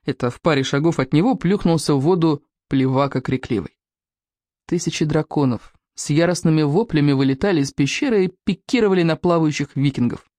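An audiobook narrator reading an adventure story with animated, dramatic delivery that slows and stretches words for suspense. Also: mid-range voice, dry recording.

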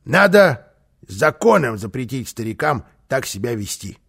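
A man's voice: mid-range voice, very animated, unhurried, creaky, fairly bright tone, husky, voice pushed down, exaggerated voice. A man voicing a boastful, mischievous little man posing as a witch, speaking in a hollow put-on voice with theatrical indignation. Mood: indignant.

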